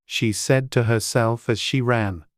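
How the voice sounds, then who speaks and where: A woman's voice: very deep voice, steady tone, measured pace, no echo, clean studio sound. A woman narrating a classic storybook in a dramatized audiobook reading.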